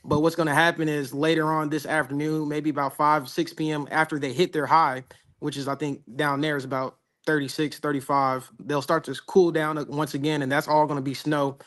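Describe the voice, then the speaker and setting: A man with a fairly high voice co-hosts a casual live weather chat. He talks the forecast through in a laid-back, drawling way. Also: flat delivery, fairly quick, a bit bright. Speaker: weather co-host.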